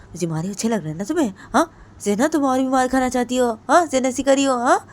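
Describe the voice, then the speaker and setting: A woman voicing a domineering, quick-tempered young woman who scolds with repeated sharp questions. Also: medium pitch, expressive, slightly rough, voice pushed up. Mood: furious.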